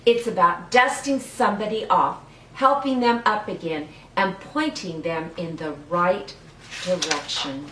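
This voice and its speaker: An older woman with a lowish, fairly bright voice hosts a children's story time at a measured pace, reading aloud and chatting playfully and encouragingly in simple words to small children. The recording is roomy, with a distant mic and faint noise.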